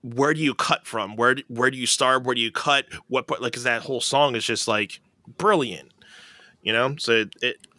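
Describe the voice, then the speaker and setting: A man co-hosting a podcast in casual chat, quick to chime in and joke. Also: medium pitch, bright, forceful tone, no room sound. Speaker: podcast co-host.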